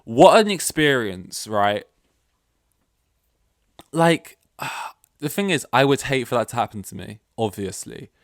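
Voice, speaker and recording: A man's voice: mid-range voice, lively intonation, slow, gravelly, pauses often, a bit bright, dry recording, clean studio sound. A young man hosting a solo podcast from home, rambling offhandedly and swearing casually. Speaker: podcast host. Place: at home with his dog. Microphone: desk mic, plugged in.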